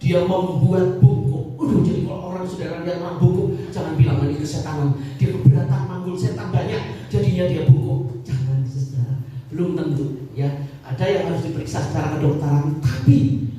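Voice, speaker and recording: A woman pastor preaching a sermon, telling stories in an animated way with many exclamations. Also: on the low side, fairly quick, soft background music. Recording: echoey hall from far off, faint noise.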